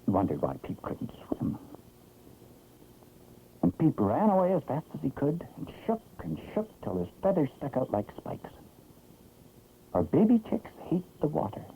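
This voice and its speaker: A narrator telling a children's story in an expressive, theatrical vintage 1960s cartoon style. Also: medium pitch, measured pace, long pauses. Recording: old tinny, noisy cartoon soundtrack.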